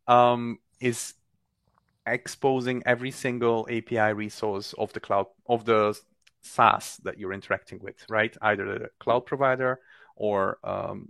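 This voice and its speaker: A man's voice: on the low side, a bit bright, no room sound. A man in a casual technical discussion, talking emphatically and arguing his views. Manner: emphatic, opinionated, quick to argue.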